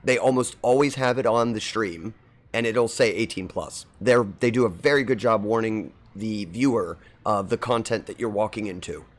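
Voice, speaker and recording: He's a fairly low-voiced streamer speaking at a moderate clip, making casual conversation with viewers while gaming. Allergies give his throat a slight scratch; his talk is rambling and friendly, and he names people in chat as he greets them.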